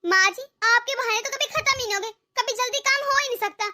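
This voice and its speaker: Bossy young cartoon daughter-in-law, sharp and impatient, piercing high voice. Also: female voice, fast talker, full character voice. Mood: scolding. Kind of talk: cartoon dub voice acting.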